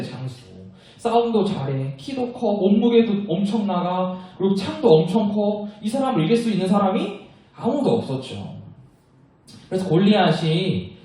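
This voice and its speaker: Animated young man telling a children's sermon. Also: high-pitched, distant mic. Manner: animated, asks children questions. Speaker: children's ministry preacher. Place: church worship room. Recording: echoey room, voice from afar.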